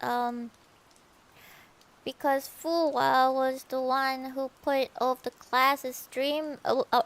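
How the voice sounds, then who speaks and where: A woman voicing a nervous frog streamer girl who croaks after her sentences, with a high voice. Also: a bit bright, exaggerated voice. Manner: tacks "ribbit" onto sentences.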